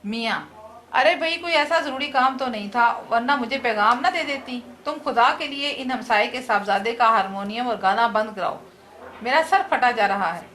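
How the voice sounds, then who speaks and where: A woman's voice: on the high side, moderate pace, fairly bright tone, slight background noise, close to an everyday voice. Woman reading as a flustered scolding housewife. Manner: fussy, scolding read-aloud lines. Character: flustered busy housewife, scolding, excuse-making.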